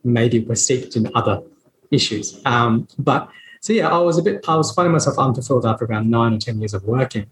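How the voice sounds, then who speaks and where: A man's voice: medium pitch, brisk, reverberant, rough recording. A man in his thirties, a dentist telling his story as a podcast guest, earnest and reflective, with frequent restarts and laughs. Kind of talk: conversational storytelling.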